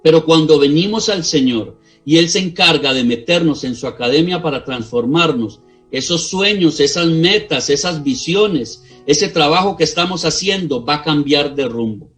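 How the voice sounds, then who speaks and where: Costa rican pastor man preaching earnestly, kinda high voice, faint music behind. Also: normal speed, fairly bright tone. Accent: Costa Rican Spanish. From Costa Rica. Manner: earnest, addresses listeners as beloved brother. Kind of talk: sermon.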